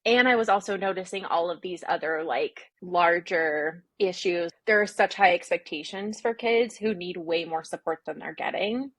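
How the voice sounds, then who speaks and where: As an interview guest, a therapist and former teacher who grew up in Singapore reflects candidly and informally, voicing her inner dialogue. Her husky, fairly low voice has a fairly bright tone, moving at a moderate pace with hardly any pauses, on a dry recording.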